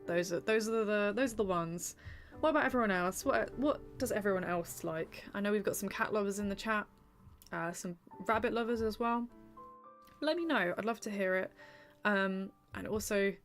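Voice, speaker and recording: A woman's voice: medium pitch, moderate pace, faint music behind. A woman streamer chatting casually while she draws, reading out chat messages, with lots of ums and small laughs.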